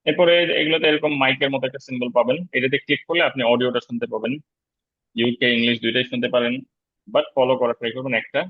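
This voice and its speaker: Man, online lesson, relaxed explainer, frequent fillers, lo-fi, dry. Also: medium pitch, quick pace, no echo. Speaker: English teacher. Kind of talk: online lecture on pronunciation. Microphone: video call.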